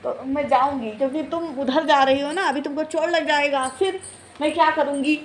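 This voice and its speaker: A woman's voice: high voice, moderate pace, a little hiss or hum. A young woman, a mother, casually teasing and soothing her toddler at home, sometimes singing nursery rhymes, recorded on a phone camera. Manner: playful teasing, sing-song rhymes.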